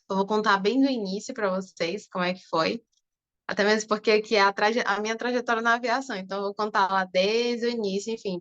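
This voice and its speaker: A woman of twenty-one from Fortaleza, speaking softly because of a sore throat as guest speaker in an online class, with many casual fillers. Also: medium pitch, highs cut off. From Fortaleza, Brazil. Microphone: video call.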